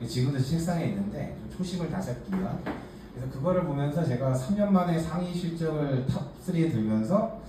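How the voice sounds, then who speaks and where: Pitched on the high side yet dark in tone, his voice has lively intonation and moves a little fast. The speaker is a Gangneung man in his forties, from Gangwon Province, South Korea, presenting a case at a workshop by sharing his own life story with a group, chatty, self-mocking and full of fillers. It's recorded in an echoey room on a distant mic with faint hiss.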